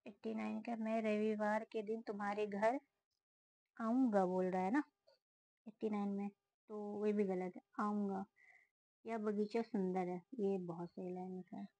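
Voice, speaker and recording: A student working through a test series talks casually through an exam paper, as if thinking out loud, reading each option aloud and then giving a quick verdict in a few words. Her mid-range voice is warm and mellow. The recording is low quality and dry, with no room sound.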